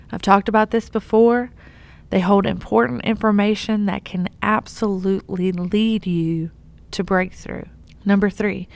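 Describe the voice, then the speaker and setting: A woman's voice: mid-range voice, creaky, a little mellow. A young adult woman youth pastor giving an earnest, encouraging devotional talk, laughing at herself now and then.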